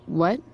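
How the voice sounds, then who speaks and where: A woman's voice: fairly low pitch, husky, exaggerated voice. A woman playing a sardonic, rebellious teenage girl in a video game, sarcastic and slangy. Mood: wry, casual. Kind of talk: game dialogue acting.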